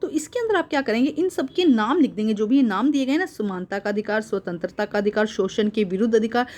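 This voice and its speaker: A fairly high-voiced woman teaches from a worksheet. She reads each point aloud, then explains it again more simply, with English words mixed in. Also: fast, a little mellow.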